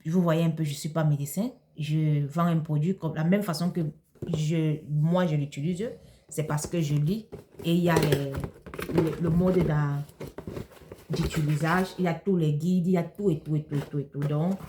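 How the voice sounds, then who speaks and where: A Cameroonian vlogger answers viewer questions in a casual, hesitant way, full of fillers and restarts. Her voice sits low, with a steady tone at a moderate pace, against a noisy background.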